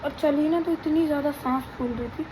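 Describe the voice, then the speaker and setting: A woman's voice: high-pitched, brisk, background noise. A young pregnant woman, chatting casually in a rambling home vlog. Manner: chatty, rambling, teasing her husband. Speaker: vlogger. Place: home indoors.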